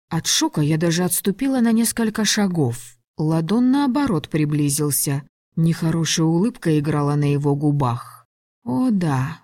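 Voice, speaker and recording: Woman audiobook narrator, lower voice, measured, dry close recording. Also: dark tone, no echo. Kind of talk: first-person audiobook narration.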